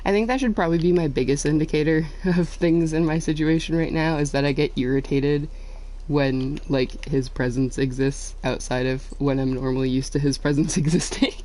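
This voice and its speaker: A woman's voice: low-pitched, steady tone, normal speed, mellow, poor audio. A woman streamer, out of breath, ranting casually to her chat on a headset mic and acting out quotes as she tells a story.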